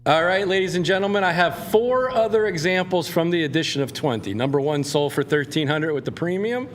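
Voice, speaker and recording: Higher-pitched male auctioneer urging bidders. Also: a little fast, a little hiss or hum. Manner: urging, repetitive. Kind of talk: live sales pitch with bid calls.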